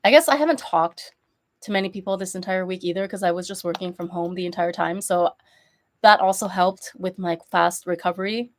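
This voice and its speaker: A woman's voice: lowish voice, a little fast, a little hiss or hum. A woman with a nasal, congested voice from a recent cold and sore throat, chatting casually in a rambling, self-correcting way as a vlogger. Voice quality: nasal, stuffy-nosed. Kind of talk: casual chatty haul vlog.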